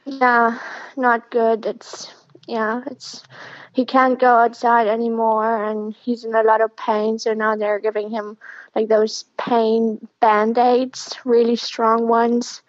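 Young woman, radio caller on a phone line, hesitant, narrow-pitched, dry lo-fi sound. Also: level tone, no echo. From Germany. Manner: halting, hesitant, soft-spoken. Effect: call-in phone line. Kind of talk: casual call-in conversation.

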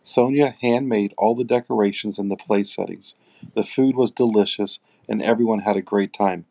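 A man with a fairly low voice speaks plainly and sincerely. The recording is dry, with no room sound. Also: moderate pace, creaky, darkish tone, dry recording. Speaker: listener sharing a memory. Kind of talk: recorded message.

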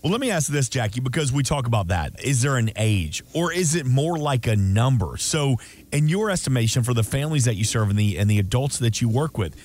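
A man's voice: mid-range voice, lively intonation, a little fast, a little mellow. A man hosting a radio show, reading plugs and asking questions in an upbeat, salesy way. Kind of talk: radio host patter and ad reads.

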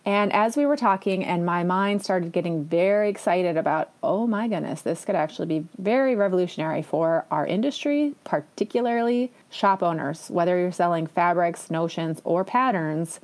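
In casual solo podcast talk, a woman hosts with chatty enthusiasm and self-deprecating asides. Her voice is on the low side and a little mellow, moving at a moderate pace with few pauses.

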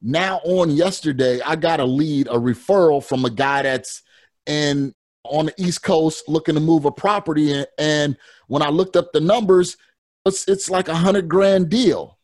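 A man's voice: on the high side, a little slow, a little mellow, dry recording. A man hosting a podcast, talking in an encouraging way with frequent restarts and repeated words. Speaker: podcast host. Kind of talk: casual podcast talk.

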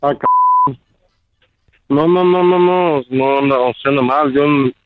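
A man's voice: fairly high pitch, huge pitch swings, slow pace, narrow, tinny audio. A male guest teacher speaking brusquely on a call.

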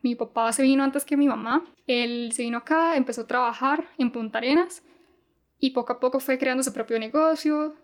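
A young woman, a university student, talking calmly as a podcast guest. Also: high voice, a little fast. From Costa Rica. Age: young adult. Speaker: podcast guest, Mandarin teacher. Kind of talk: casual podcast chat.

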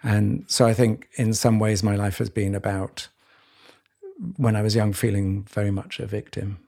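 A man co-hosting a podcast, talking reflectively in a halting, searching way with many restarts. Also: lowish voice, little pitch movement, gravelly, dark tone. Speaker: podcast co-host. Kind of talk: reflective conversation.

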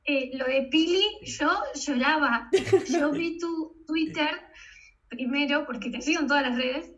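A young Argentine woman speaks with a high voice and an effusive, animated way of telling stories. She is a guest on a casual podcast, her audio slightly muffled and lo-fi. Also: measured pace, slight background noise. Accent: Argentine Spanish. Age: 20s.

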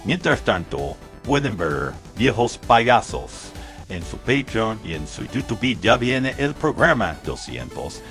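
Guy doing a deep voiced gringo exec, american accent in halting spanish, weary greeting, really swoopy pitch. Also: very animated, a bit bright, full character voice. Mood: pleading. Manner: halting, formal foreigner's Spanish. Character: weary American games executive pleading in broken Spanish. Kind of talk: scripted celebrity greeting. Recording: music behind the voice. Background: music.

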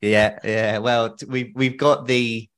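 A man's voice: medium pitch, flat delivery, slow, fairly bright tone, clear, resonant tone. A man hosting a financial podcast in a conversational way. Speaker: podcast host.

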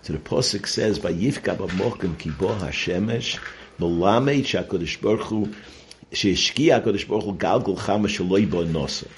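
Low-voiced man giving Torah lecture. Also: slight background noise. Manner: conversational, halting, repeats phrases, rhetorical check-ins. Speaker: rabbi giving a Torah lesson. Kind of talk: informal sermon, Torah lecture.

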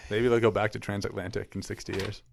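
A man co-hosting a podcast, easygoing and quick to laugh in casual chat. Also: lowish voice, flat delivery, vocal fry. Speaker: podcast co-host.

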